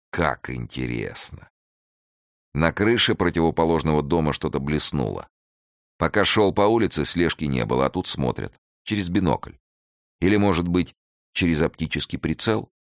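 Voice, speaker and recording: Very deep, gravelly male audiobook narrator. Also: no echo. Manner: measured, even storytelling.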